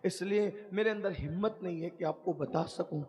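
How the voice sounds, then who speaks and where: A man's voice: high voice, darkish tone, close to an everyday voice. A man voicing a sobbing, guilt-ridden young sinner. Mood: pleading, remorseful. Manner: pleading, sobbing confession.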